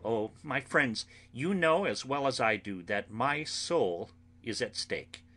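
A man reading an audiobook, voicing an anguished, earnest young woman who pleads solemnly and slowly with her friends. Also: mid-range voice, animated, fairly bright tone. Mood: solemn pleading. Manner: solemn, slow, pleading delivery.

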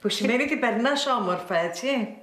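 A doting, high-voiced aunt. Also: female voice. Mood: affectionate. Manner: affectionate, coaxing, calm. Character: doting aunt, lively, affectionate, fussing. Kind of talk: TV series acting.

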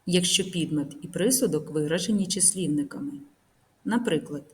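A woman teacher narrating a recorded grammar lesson, reading example sentences slowly and carefully. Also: fairly low pitch, animated, darkish tone. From Ukraine.

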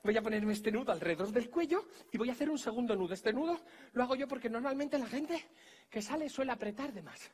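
A man with a Spanish accent performing a live comedy magic act, teasing volunteers and giving them quick orders on stage. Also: very high-pitched, animated, a little mellow, slight background noise.

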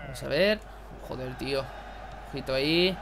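A young man, excitably commentating his own football video game match for viewers. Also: medium pitch, normal speed, a crowd in the background. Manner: excitable, exclaiming, chatty. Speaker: gaming youtuber. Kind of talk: live gameplay commentary.

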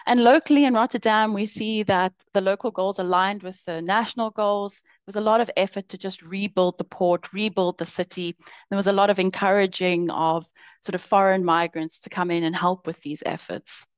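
On a video call, a young woman presents her research over slides, explaining things in a measured way with occasional fillers and restarts. Her voice is mid-range and steady, clean, with no room sound.

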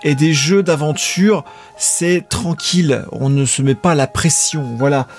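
A man casually chatting with viewers as he hosts a live stream of old adventure games, rambling in a relaxed way. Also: on the high side, measured pace, faint music behind.

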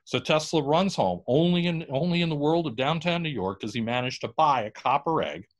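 A man giving an informal, animated history lecture, telling stories and acting out quotes. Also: fairly high pitch, a little fast.

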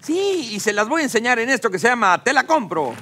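A man's voice: very high-pitched, big pitch swings, a little fast, pushed and bright, some chatter behind. A man with a Mexican accent delivering a slangy comedy monologue as a late-night host, joking with the audience. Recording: noisy studio with a live audience. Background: audience laughter and noise.

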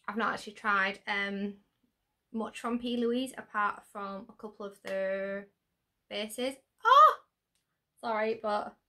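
Slow, bubbly woman vlogger. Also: mid-range voice. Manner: bubbly, giggly, excitable. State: slightly hoarse, clearing her throat. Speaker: beauty vlogger. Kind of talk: casual unboxing chat.

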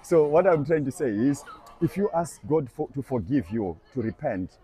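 A young man evangelizes on a busy shopping street, speaking earnestly and persuasively to someone passing by and reciting scripture back line by line. His medium-pitched voice is dark and sing-song, delivered at a moderate pace.

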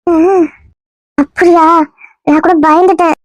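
Man putting on a coy high young woman. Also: level tone, takes it slowly, no echo, lo-fi sound. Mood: pleading. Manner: coy, teasing, feigning innocence. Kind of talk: comedy skit role-play.

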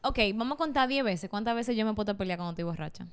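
A woman's voice: medium pitch, expressive, very fast, clear, resonant tone. A woman with a Dominican accent co-hosting a casual podcast chat, emphatic and explaining herself with repeated checks that she is understood. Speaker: podcast co-host. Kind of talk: casual chat among friends.

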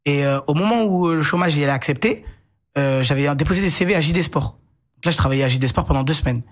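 A young man telling a long personal story in a casual chat as a guest, rushing through anecdotes with frequent restarts and asides. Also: on the high side. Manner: rapid animated storytelling with many restarts and asides.

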